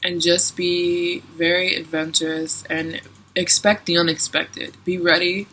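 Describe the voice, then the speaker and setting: A woman's voice: fairly low pitch, level tone, measured pace, sharp tone. A woman in her twenties answering viewer questions in a chatty, giggly travel vlog, with lots of "like" and "um". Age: 20s. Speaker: travel vlogger. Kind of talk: casual Q&A vlog.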